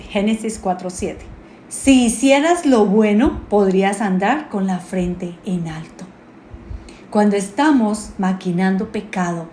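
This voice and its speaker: A woman preaching a sermon, often pausing to ask her congregation rhetorical questions. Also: medium pitch, a little mellow. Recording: echoey room with faint noise.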